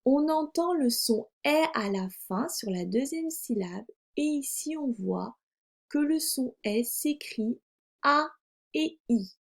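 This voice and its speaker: A woman teacher giving a recorded phonics lesson to young children, articulating slowly and carefully. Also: a little high, gravelly. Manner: slow, careful, over-articulated delivery. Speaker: primary school teacher.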